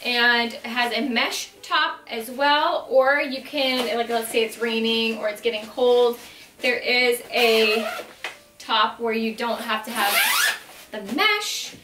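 A young woman vlogger chats casually at home as she shows off a product, upbeat and full of "like" and "um." Her slightly high voice has lively intonation and a slow pace, in an echoey room with a wooden floor and a noisy background.

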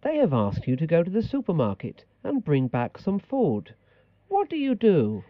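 A man's voice: a little high, huge pitch swings, moderate pace, no echo. Guy doing bossy exasperated language tape teacher, comedy narration, dry close sound, bit muffled. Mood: instructive. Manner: bossy, mock-instructional.

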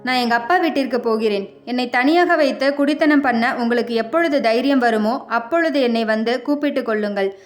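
A woman's voice: fairly high pitch, brisk, faint music behind, close to an everyday voice. A woman voicing a tearful, resentful young wife who speaks with bitter, sobbing reproach in a storybook reading.

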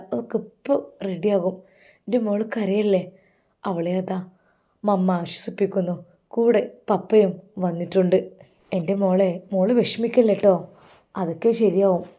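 Mellow-voiced woman storyteller. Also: fairly low pitch. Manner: earnest, emotional storytelling with devout exclamations. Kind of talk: dramatic story narration.

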